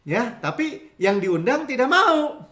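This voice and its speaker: A man in his fifties from Indonesia, a pastor giving a lively conversational sermon, telling stories and acting out the people he quotes. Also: very high-pitched, slow pace, echoey room. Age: 50s. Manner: animated storytelling, acting out quoted voices, frequent chuckles. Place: church sanctuary.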